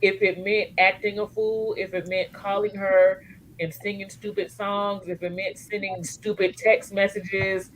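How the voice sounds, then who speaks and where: A woman's voice: medium pitch, level tone, measured pace, a little hiss or hum, poor audio. A woman guest speaking candidly and emotionally about supporting family, earthy and joking in turns. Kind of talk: candid personal storytelling.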